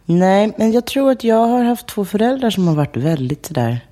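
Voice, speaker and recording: A woman telling stories of her childhood in a relaxed interview, chatty, laughing often and full of fillers. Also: mid-range voice. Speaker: guest. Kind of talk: casual interview chat.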